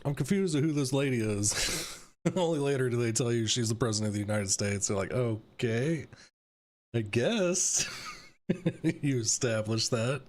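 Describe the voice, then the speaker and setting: A young man hosting a live stream, casually ranting about a film with lots of swearing, laughter and mocking asides. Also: medium pitch. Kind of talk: casual chat.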